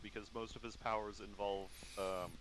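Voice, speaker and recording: A man playing in a tabletop game, hesitant and pausing with "uh" and "um" as he explains. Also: on the low side, little pitch movement, a bit bright, a little hiss or hum, poor audio. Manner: hesitant, searching for words with many "uh" and "um". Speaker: player. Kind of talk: casual tabletop game chat.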